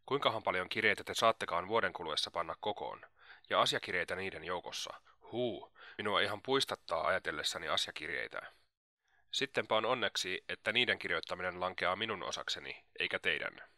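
A man reading as a gushing, flattering young lady. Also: low voice, dry recording, studio quality, full character voice. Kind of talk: audiobook character reading.

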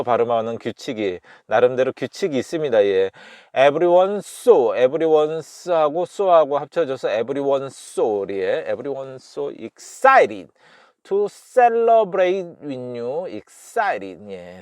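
Korean man drilling English phrases slowly. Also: mid-range voice, a little mellow, dry recording, studio quality. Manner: drawls English phrases slowly, then explains quickly with many fillers. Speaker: English pronunciation teacher. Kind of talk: explaining English pronunciation, slowly repeating phrases.

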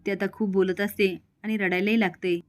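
A woman's voice: mid-range voice, flat delivery. A woman narrating a serial recap. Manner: quick plain narration, reading the characters' lines in her own voice. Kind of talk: storytelling recap of a TV serial episode.

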